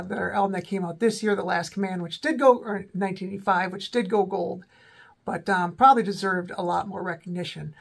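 Suffering from a cold and a slightly sore throat, a rock music video host in his forties chats casually about rock albums on his own channel, with frequent ums and self-corrections. His high-pitched voice is raspy and may crack, and he records in a small indoor room with a backdrop.

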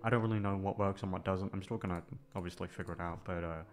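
Soft guitar music plays behind a man with a deep, steady voice who talks fast. He's an ASMR voice actor and channel host, chatting casually and hesitantly with listeners from a little back from the microphone, rambling, self-deprecating and swearing freely.

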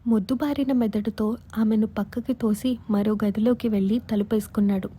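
A woman storyteller doing scripted narration in a steady, measured reading. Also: medium pitch, breathy edge.

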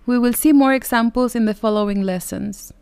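A woman narrates the end of a language lesson in a very slow, careful read. Her voice is smooth and clear and a little high. The sound is dry, with no room echo. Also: a little mellow. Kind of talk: scripted narration.

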